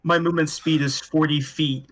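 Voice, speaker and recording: A man playing a tabletop game, excitable and prone to shouting. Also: a little high, normal speed, rough recording. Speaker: player.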